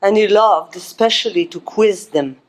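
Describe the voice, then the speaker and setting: Woman giving a halting tribute. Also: medium pitch. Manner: halting, many fillers. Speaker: memorial speaker. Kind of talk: personal tribute.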